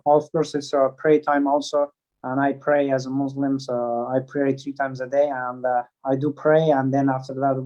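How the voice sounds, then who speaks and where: A man's voice: medium pitch, warm tone. Hesitant Afghan man, dull lo-fi sound. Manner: halting, many fillers and restarts, non-native phrasing. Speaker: interviewee, swimmer. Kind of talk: interview answers.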